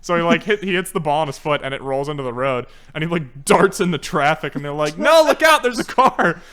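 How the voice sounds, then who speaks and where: A man's voice: fairly high pitch, fast talker, fairly bright tone, clear, resonant tone. A man in a casual podcast chat, animatedly retelling a movie plot and laughing often. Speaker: podcast co-host.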